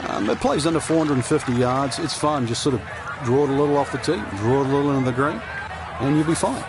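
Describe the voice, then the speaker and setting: A man's voice: mid-range voice, fast. A man giving conversational golf commentary as an analyst, explaining things in a casual, folksy way. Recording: loud outdoor crowd and vehicle noise. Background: loud crowd and outdoor noise.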